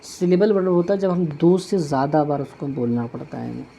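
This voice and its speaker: A man's voice: on the high side, lively intonation, fairly quick, vocal fry, mellow, slight background noise. A male teacher giving a classroom grammar lesson, patiently repeating each point as he writes it out on a board.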